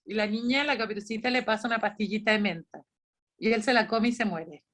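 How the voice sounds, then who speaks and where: This woman's mid-range voice has a slight brightness and a fairly quick pace. Running an online session for volunteer storytellers, the librarian talks in a chatty way, often starting over and quoting dialogue.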